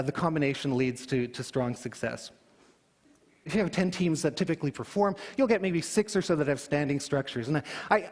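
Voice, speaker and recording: A man giving a public talk, telling it in an animated way with emphatic rhetorical questions. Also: fairly high pitch. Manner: animated storytelling, emphatic question-and-answer delivery. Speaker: conference speaker. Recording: hall reverb.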